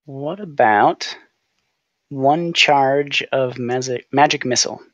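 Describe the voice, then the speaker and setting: A man's voice: mid-range voice, takes it slowly, a bit bright, no echo, lo-fi sound. Hesitant man playing a tabletop game. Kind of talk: casual game talk.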